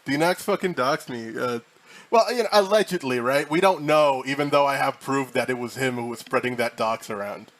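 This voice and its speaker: A man's voice: medium pitch, moderate pace, fairly bright tone. Male host, casual chat, profane joking rambles, faint noise behind.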